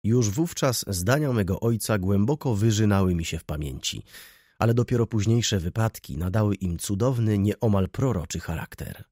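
A man narrating an audiobook with an expressive reading. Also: on the low side, normal speed, slightly rough, dry recording, clean studio sound. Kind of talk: scripted narration.

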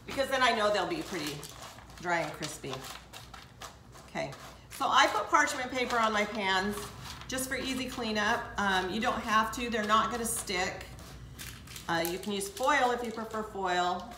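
A woman's voice: medium pitch, moderate pace, bright, forceful tone, a little hiss or hum. Chatty older woman in an echoey kitchen. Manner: chatty, talks straight to viewers while working. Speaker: cooking show host. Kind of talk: casual cooking demonstration. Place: home kitchen, indoors.

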